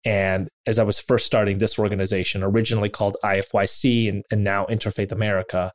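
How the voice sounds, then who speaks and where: Man, low-pitched, earnest storyteller, self-deprecating, dry close sound. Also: quick pace, no echo. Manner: earnest, self-deprecating, animated retelling with quoted asides. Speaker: interviewer and podcast host. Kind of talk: reflective personal storytelling.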